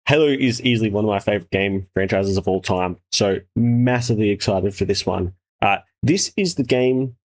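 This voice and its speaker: A man hosting a casual trailer reaction with sweary, laddish, slangy enthusiasm. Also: mid-range voice. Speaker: host, game developer reviewing trailers.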